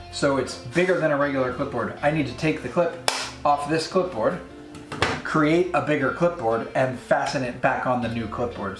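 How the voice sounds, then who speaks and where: A man with an average-pitched voice talks casually through a woodworking project. He is chatty and a bit self-deprecating. He is recorded in an echoey garage with clear background music. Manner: chatty and self-deprecating, explains steps as he works. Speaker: host of a DIY project channel. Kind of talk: casual workshop vlog narration. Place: home garage workshop.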